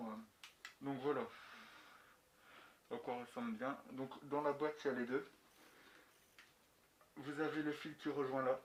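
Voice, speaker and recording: A motovlogger with a medium-pitched, slightly bright voice reviews gear casually and without a script, using slangy, colloquial speech and some mild swearing. The room is echoey, with clicks and clear background noise.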